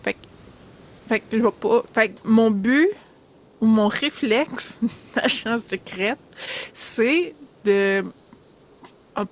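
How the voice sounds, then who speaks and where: A woman's voice: fairly high pitch, takes it slowly, long pauses. A woman with a Quebec French accent playing a tabletop game, playful and laughing, with slangy talk. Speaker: player. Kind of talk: casual tabletop role-play.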